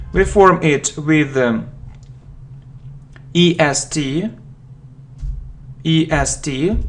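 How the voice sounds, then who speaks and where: Woman teaching grammar, super slow, says every example twice, typing in the background. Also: low-pitched, a little mellow, a little hiss or hum. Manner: slow and deliberate, repeats example words. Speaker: English teacher. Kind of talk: slow spoken grammar lesson.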